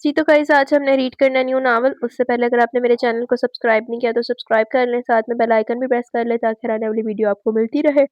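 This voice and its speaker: A woman hosting her own channel, reading a romance novel aloud in a lively way and voicing the characters. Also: fairly high pitch, fast talker, few pauses, no echo, lo-fi sound. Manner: lively, raises her voice for quoted dialogue. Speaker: novel reader and channel host.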